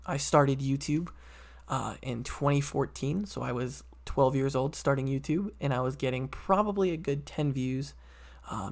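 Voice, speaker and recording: A man's voice: mid-range voice, gravelly. A young man in his late teens hosting a casual solo podcast from his computer, rambling with many fillers and restarts. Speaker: podcast host.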